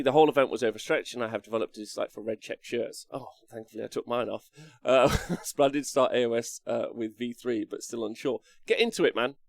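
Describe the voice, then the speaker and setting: A man with a mid-range voice hosts a casual livestream, recorded very dry. He rambles between reading viewer messages and giving his own takes, slipping into animated mimicry as he tells a story. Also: mid-range voice, dry recording. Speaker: streamer host reading and answering live chat. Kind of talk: casual livestream chat about tabletop wargaming.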